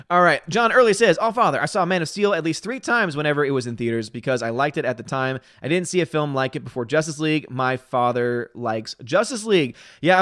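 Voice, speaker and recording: Reading viewer comments on his livestream, a man in his 30s gives his opinions in a chatty, opinionated manner with quick asides, his voice slightly tired. It's fairly high-pitched and a bit bright, captured at studio quality with no echo.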